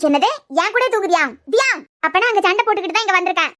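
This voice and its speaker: A woman voicing a gentle elderly grandmother in a cartoon series, speaking with a Kanyakumari accent in a coaxing, motherly, scolding way. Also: very high voice, racing. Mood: soothing. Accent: Kanyakumari Tamil. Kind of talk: cartoon web series voice acting.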